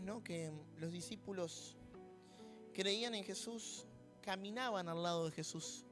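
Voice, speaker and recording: A man preaching a sermon with a Rioplatense accent, mixing a personal story with humorous asides and acting out voices. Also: high-pitched. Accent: Rioplatense Spanish. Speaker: pastor.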